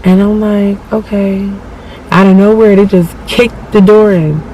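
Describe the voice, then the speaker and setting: A high-pitched man tells personal stories in a casual, slangy way. He swears freely and acts out other people's lines with animation. Faint noise sits behind the voice. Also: a little slow, poor audio. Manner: animated, profane, slangy, acts out quoted speech. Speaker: storyteller.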